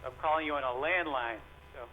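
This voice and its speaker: Male caller on a landline phone, slightly higher voice, casual and halting delivery, muffled lo-fi sound. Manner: casual, hesitant, with many pauses and fillers. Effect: over a landline phone. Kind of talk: phone-in talk show call. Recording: dull lo-fi phone line with faint hiss.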